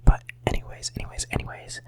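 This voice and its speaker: A late-teen ASMR creator whispers into a close microphone at home, sounding slightly sick and hoarse. They ramble casually and quickly, softly repeating words.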